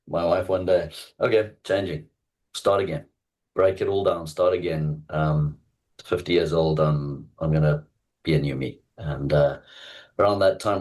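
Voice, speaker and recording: A man's voice: a bass voice, darkish tone, poor audio. A South African man in his fifties, an executive coach talking reflectively as a guest, with many fillers and restarts. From Zambia and Zimbabwe. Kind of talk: conversational interview.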